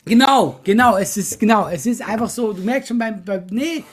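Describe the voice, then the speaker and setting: A man's voice: high-pitched, normal speed, slightly rough. A man who does stand-up, co-hosting a casual podcast, chatty and insistent as he explains his view. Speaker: stand-up comedian, podcast co-host.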